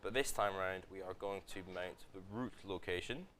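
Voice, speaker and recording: A young man presents a hands-on tech workshop to a live audience in an office event room, explaining each step steadily and using frequent fillers. His voice sits low, he talks fairly quickly, and a little hiss or hum is audible.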